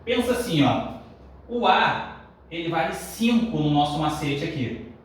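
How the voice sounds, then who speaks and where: A man teaching a grammar lesson, lively, asking the class questions and answering them. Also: fairly high pitch, unhurried. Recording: echoey room, a bit far from the mic, faint noise.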